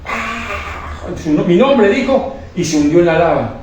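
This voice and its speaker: A man's voice: fairly high pitch, big pitch swings, a little fast. A man giving an emotional religious testimony. He speaks with fervor, repeats himself and often stumbles into restarts. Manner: fervent, repetitive, stumbling restarts. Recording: echoey room, distant mic, faint noise.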